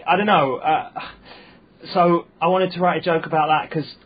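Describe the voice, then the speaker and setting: This man's voice is on the high side with a breathy edge, fairly even intonation and normal speed. He's a comedian guest with a posh English accent on a casual podcast interview, rambling, hesitant and self-deprecating with many fillers, recorded in muffled lo-fi sound.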